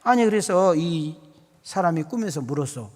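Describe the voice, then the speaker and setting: A male pastor preaching a sermon with animated, folksy storytelling and rising, emphatic calls. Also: a little high, normal speed. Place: church sanctuary. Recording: long church hall reverb.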